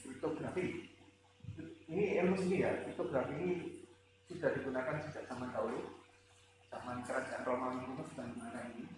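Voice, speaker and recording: A male lecturer giving a conversational classroom lecture, rambling with fillers and rhetorical questions, with a slight tinge. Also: a little high. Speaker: university lecturer. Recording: echoey room with faint ambient noise.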